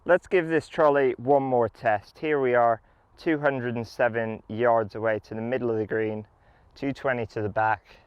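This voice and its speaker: A man's voice: medium pitch, fairly even intonation, normal speed, clean tone, dry recording, muffled recording. Enthusiastic man reviewing gear outdoors. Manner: enthusiastic, upbeat. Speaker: golf equipment reviewer. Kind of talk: casual product review while playing golf. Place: outdoors on a golf course.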